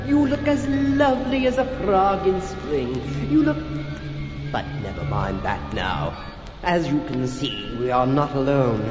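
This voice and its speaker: An actor playing a pompous, comically sinister vampire count, declaiming grandly in campy novelty-record style. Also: male voice, sits high, vocal fry, full character voice. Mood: hammy, smitten. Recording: reverberant, slightly muffled old novelty record.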